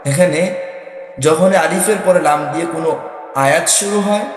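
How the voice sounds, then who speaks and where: A man teaching Quran recitation, chanting verses in long drawn-out tones between quick spoken explanations. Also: a little high, very echoey, big-room sound, soft background music.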